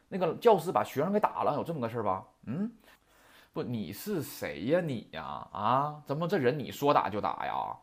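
A man teaching a Japanese vocabulary lesson in a chatty, heated way, full of rhetorical questions. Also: on the high side. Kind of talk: casual lecture with rants.

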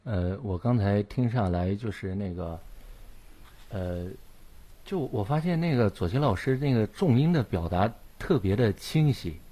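A man's voice: on the low side, lively intonation, a little slow, warm tone. A man studying recitation who reads a passage aloud on a voice chat and answers his teacher agreeably. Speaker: recitation student. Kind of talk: reading aloud and chatting with teacher. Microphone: online voice chat.

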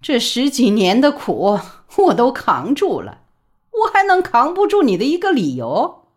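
A woman doing a shrill, scolding mother. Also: huge pitch swings, brisk. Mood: scornful. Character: exasperated middle-aged mother, sharp-tongued and fiery.

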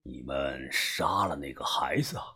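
A man voicing an older, cautious gang boss in an audiobook, speaking low and often in a hushed whisper. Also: measured pace, breathy edge, full character voice. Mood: guarded. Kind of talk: audiobook character voice.

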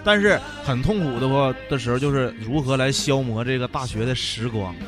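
A man's voice: mid-range voice, fairly quick. Casting: young male co-host, mid-range voice, casual storytelling over music. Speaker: radio co-host. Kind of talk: casual anecdotal chat. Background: instrumental music.

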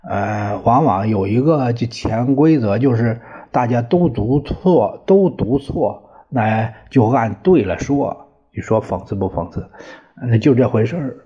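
A man's voice: medium pitch, animated, unhurried, mellow, husky. A man retelling a classic novel in a casual storytelling style, chatty and hesitant with many fillers and asides, on a dull lo-fi recording.

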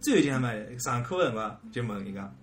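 A man's voice: medium pitch, quick pace, soft background music. A man with a Shanghainese accent hosting a podcast, chatting and telling stories in a joking way. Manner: lively, joking storyteller. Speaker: podcast host. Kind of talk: casual chat.

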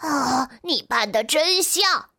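A woman's voice: sits high, lively intonation, slow pace, sharp tone, no echo, clean studio sound, heavily acted. A woman voicing a timid, fretful young male chameleon who stammers and sighs in a storybook reading. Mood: glum. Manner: stammering, sighing. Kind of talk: storybook character voice.

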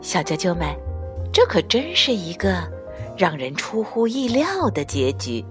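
Slow, lively woman reading a picture book. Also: fairly low pitch. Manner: expressive, slow storytelling. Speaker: storyteller mother. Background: soft music.

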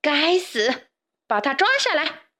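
A woman's voice: fairly high pitch, lively intonation, slow pace, fairly bright tone. A woman voicing a vain, bossy hen queen in a children's storybook, with a haughty, commanding manner. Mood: angry.

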